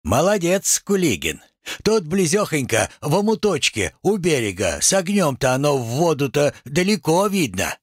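A man voicing an excited common man from the crowd, reporting in an animated, breathless way. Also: fairly high pitch, moderate pace, no echo, studio quality, pitched above the performer's own voice.

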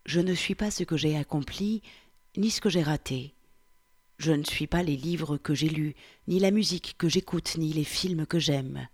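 A woman reading the part of a 47-year-old Frenchman, reciting in a slow, hushed, meditative way. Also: low-pitched. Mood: contemplative. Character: 47-year-old French man, pondering who he is. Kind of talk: reading a novel aloud.

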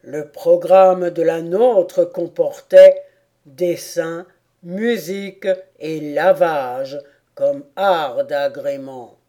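A woman voicing a sad, sobbing female mock turtle with a calf's head in a storybook reading, slow, loud and lamenting. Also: deep voice. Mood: mournful. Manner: slow, mournful and loud, turning indignant.

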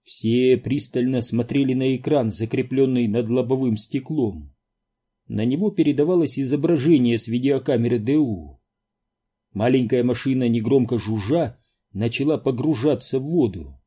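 A man reading an audiobook aloud in a lively, expressive narration. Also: mid-range voice, moderate pace, husky.

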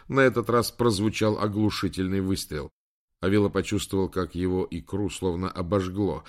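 A man narrating an audiobook in a measured, dramatic way. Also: sits low. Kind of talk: scripted narration.

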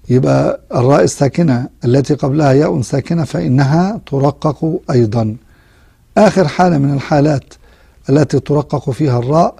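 A man teaching a Quran recitation lesson, explaining rules step by step and drawing out example words slowly. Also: on the high side, gravelly, warm tone, breathy edge, dry recording. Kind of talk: tajweed lesson.

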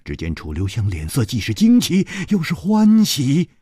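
A man's voice: mid-range voice, normal speed, breathy edge, no echo. Dramatic male storyteller, dry studio sound. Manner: dramatic, expressive narration. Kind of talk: traditional Chinese oral storytelling.

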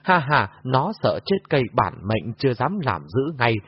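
A man voicing a boastful young male attendant in an audiobook, talking loud, fast and mocking, recorded in a muffled lo-fi way. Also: mid-range voice, big pitch swings, slightly rough, dry recording.

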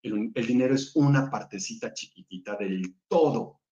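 A spiritual guest speaker, a man with a medium-pitched voice at a moderate pace, answers audience questions and leads a calm guided visualization. He speaks in repeated lists with small restarts, and the recording is roomy, dull and lo-fi.

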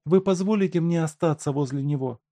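A man's voice: fairly high pitch, a little fast, warm tone, no room sound, pitched above the performer's own voice, lightly acted. A man reading aloud and voicing a desperate, tearful wife who pleads with a doctor for her husband. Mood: pleading. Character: desperate grieving wife, middle-aged woman.

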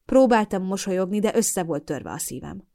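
A woman reads a first-person novel aloud as an audiobook, voicing the narrator's feelings with expressive emotion. Her pitch sits in the middle of the range. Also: creaky.

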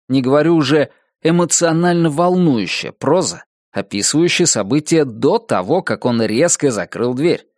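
A man's voice: medium pitch, no echo, studio quality. A man narrating a nonfiction audiobook, reading expressively and acting out the quoted lines.

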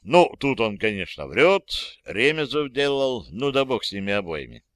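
A man reads a first-person audiobook in a wry, conversational way. His voice is smooth and clear, with a mid pitch. The recording is close and dry. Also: sing-song, normal speed, dry recording. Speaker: audiobook narrator.

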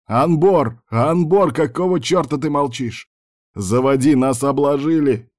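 A man reading an audiobook, voicing a gruff male squad commander who barks urgent orders in battle. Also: medium pitch, expressive, unhurried, a little mellow, no echo, voice pushed up, close to an everyday voice. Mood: shouting orders.

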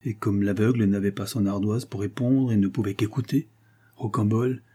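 A man narrating a classic novel as an audiobook, in a measured literary reading. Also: fairly low pitch, steady tone, mellow, slightly rough. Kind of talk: scripted narration.

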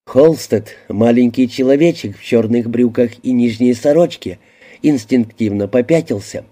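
Dark-voiced male audiobook narrator. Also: medium pitch, normal speed. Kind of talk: scripted narration of a crime novel.

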